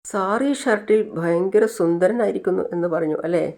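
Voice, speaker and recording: A woman's voice: on the low side, normal speed, darkish tone, close to an everyday voice. A narrator retelling a TV serial scene, voicing a jealous, possessive young woman who scolds sharply. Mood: jealous scolding.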